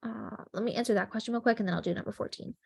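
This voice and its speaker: A young woman with a fairly high, gravelly, slightly rough voice and a darkish tone talks rapid-fire as she leads a chemistry review over a video call. She sounds sniffly and congested, explaining in a friendly way and filling her speech with frequent ums.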